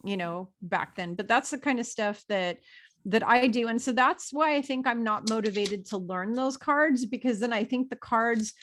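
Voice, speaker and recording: A woman's voice: on the high side, moderate pace, fairly bright tone. A woman guest who talks about her spiritual work in a chatty, enthusiastic, rambling way. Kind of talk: casual video interview chat.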